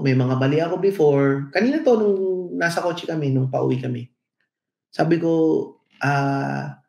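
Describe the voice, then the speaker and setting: Speaking at a medium pitch with a slightly mellow quality, this middle-aged man from the Philippines has a Filipino accent. As a podcast co-host, he muses through stories in a relaxed conversation peppered with English. Echo from the room is audible.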